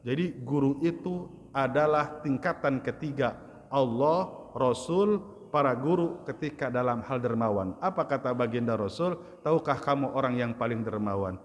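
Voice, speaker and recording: Ustadz guy teaching in a mosque, medium pitch, lots of hall echo, chatty storytelling. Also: normal speed. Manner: storytelling, acts out voices of questioners with high pitch. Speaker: Islamic religious teacher. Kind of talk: mosque study lecture. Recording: long hall reverb.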